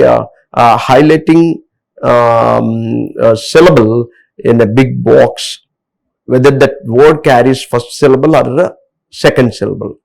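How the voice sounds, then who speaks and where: A man's voice: medium pitch, vocal fry, a little mellow, low-quality recording. A man with an Indian English accent, explaining word stress in a hesitant lecture full of fillers. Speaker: English teacher. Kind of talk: lecture with slides.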